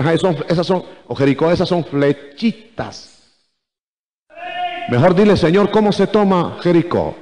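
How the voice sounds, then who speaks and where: A man preaching a sermon, emphatic and calling out to his listeners, often rising to shouts. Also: mid-range voice. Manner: repeatedly addresses listeners as brother. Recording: echoey church hall, 1980s recording.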